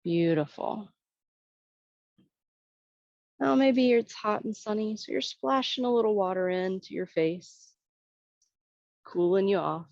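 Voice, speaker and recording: A woman instructor giving serene, soothing tai chi cues, gently guiding movement and breath in an unhurried way. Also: mid-range voice, gravelly, no echo, dull audio.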